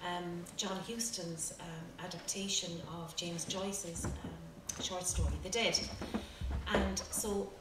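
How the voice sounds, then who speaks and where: A woman with a west of Ireland accent, informally introducing a song to a live audience in a hesitant, halting, self-deprecating way. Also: fairly low pitch, little pitch movement. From Galway, west of Ireland. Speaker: folk singer introducing songs. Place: roomy indoor venue with audience. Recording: echoey room, distant mic, loud noise.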